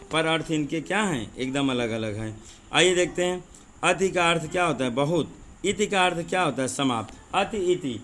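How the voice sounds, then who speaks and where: A male teacher giving an exam-prep lesson, explaining word pairs slowly and repeating them, often asking rhetorical questions. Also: a little high, a bit bright, slight background noise. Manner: says 'dekhiye' and 'thik hai' often.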